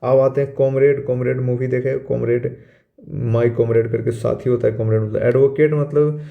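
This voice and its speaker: Gravelly man drilling vocab casually. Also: medium pitch, level tone, moderate pace, narrow, tinny audio. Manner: spells words letter by letter, repeats meanings, chatty asides. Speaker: exam vocabulary tutor. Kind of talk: casual explaining lesson.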